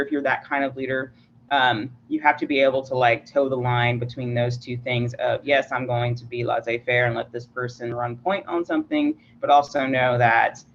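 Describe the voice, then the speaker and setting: A man's voice: mid-range voice, fairly bright tone, lo-fi sound, a little hiss or hum. A man leading an online leadership workshop, talking with frequent restarts and fillers. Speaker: workshop facilitator.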